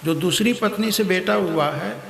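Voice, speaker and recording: A man telling a devotional scripture story in a measured, emphatic storytelling manner. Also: high voice, creaky, fairly bright tone. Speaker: kathavachak, religious storyteller. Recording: echoey hall with faint music.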